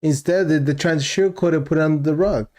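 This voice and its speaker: A man hosts a live reaction stream, with a mellow, dark-toned voice. He rants bluntly and repeats his points in loose, casual talk. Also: on the high side, fast. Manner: blunt, repetitive ranting. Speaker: livestream host reacting to news clips.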